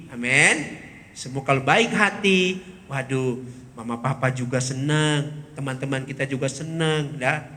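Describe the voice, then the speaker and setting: A man's voice: sits high, pushed and bright. A man giving a children's Sunday school sermon, quizzing the kids and tagging his lines with "ya". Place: church hall. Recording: long hall reverb.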